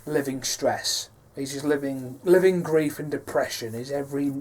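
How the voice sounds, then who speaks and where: A man's voice: mid-range voice, normal speed, a little mellow. A man talking casually about his films, rambling and hesitant, with many fillers. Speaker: filmmaker. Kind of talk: casual behind-the-scenes talk.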